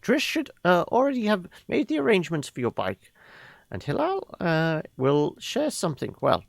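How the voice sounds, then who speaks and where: A performer putting on the voice of a kindly old woman mentor in a game, tender, halting and reassuring. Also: fairly low pitch, wildly swooping pitch, vocal fry, dry recording, voice pushed up, heavily acted.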